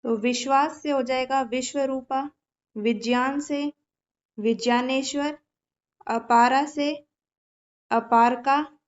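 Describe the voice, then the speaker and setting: A woman's voice: sits high, fairly even intonation, slow pace, pauses often, highs cut off. A woman teaching an exam-prep lesson, explaining patiently with memory tricks and often checking in with her students.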